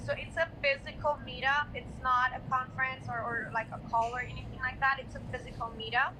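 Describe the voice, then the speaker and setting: A woman's voice: high-pitched, little pitch movement, fairly quick, noisy background. A woman from Brazil hosting a casual live stream from her apartment, answering viewers' questions and talking in loose, repetitive speech full of "guys" and "like". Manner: filler-heavy, repeats "guys" and "like". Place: apartment in a hot humid city.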